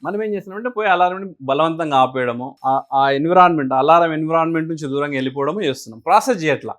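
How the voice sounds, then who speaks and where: A man explaining emotions in an interview, asking and answering his own questions in an animated way. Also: on the high side, racing. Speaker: guest speaker on emotions.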